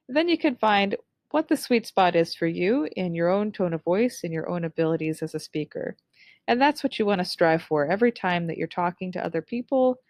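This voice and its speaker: A woman's voice: medium pitch, darkish tone, no room sound. Upbeat woman teaching public speaking. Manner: clear, upbeat instructional delivery. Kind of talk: online lesson.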